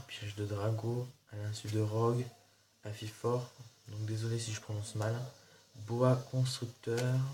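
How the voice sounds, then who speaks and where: A man chatting casually in a haul video, showing his purchases with a rambling, hesitant delivery full of fillers. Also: medium pitch. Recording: noisy home recording.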